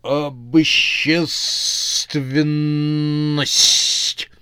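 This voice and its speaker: A man voicing a dim-witted male zombie foreman who answers in slow, halting single words with a hiss. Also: fairly high pitch, little pitch movement, bright, forceful tone, smooth, dry recording, clean studio sound, full character voice. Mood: dull, halting.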